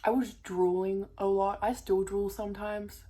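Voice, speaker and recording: A woman's voice: mid-range voice, flat delivery, unhurried, dark tone. A young woman chatting casually to camera as a vlogger, full of fillers and casual swearing, her speech a little thick from a new tongue piercing.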